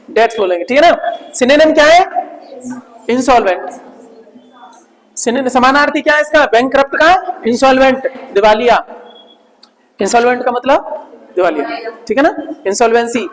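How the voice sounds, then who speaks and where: A man leads a vocabulary lesson for job-exam students. He repeats key words slowly and keeps stopping to check that the class follows. His voice rings with a long hall reverb. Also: very high voice. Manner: keeps asking "ठीक है ना?" between explanations. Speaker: teacher.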